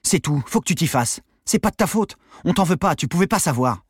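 A man voicing a brash, foul-mouthed teenage girl who shouts and rants in a high, raised voice. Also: expressive, a little fast, husky, no echo, clean studio sound. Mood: nervy ranting. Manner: shouting, loud and pushy.

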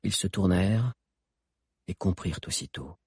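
A man narrating an adventure audiobook with an expressive, dramatic reading. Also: sits low, moderate pace, husky, no room sound, clean studio sound. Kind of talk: scripted narration.

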